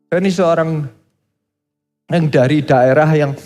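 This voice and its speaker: A man's voice: on the high side, unhurried, darkish tone. A middle-aged Indonesian pastor preaching a sermon, telling stories animatedly and acting out the voices of the people he quotes. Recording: reverberant church hall with faint music.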